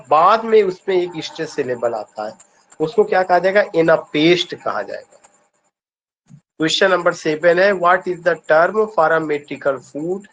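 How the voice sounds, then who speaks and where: This Indian English teacher, a man with a fairly high voice, leads an online exam-prep class where he poses questions, answers them himself and drills key points. The low-quality recording has a little hiss or hum.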